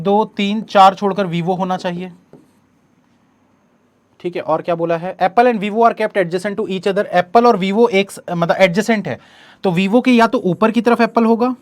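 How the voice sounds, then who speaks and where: A high-pitched man coaches a student for an exam, working through the lesson step by step. He reads each question aloud slowly.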